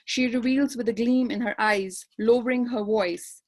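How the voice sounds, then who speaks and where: A woman from Kashmir, reading her poetry aloud in a measured, lyrical way on a panel discussion held over a video call. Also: on the high side, fairly even intonation, darkish tone. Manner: measured, lyrical recitation with repeated refrains. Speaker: poet and panelist.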